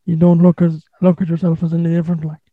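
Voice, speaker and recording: High-pitched, creaky Irish man, phone-like sound. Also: monotone, fast, dry recording. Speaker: podcast host. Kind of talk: casual interviewing. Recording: phone-like, thin band-limited sound.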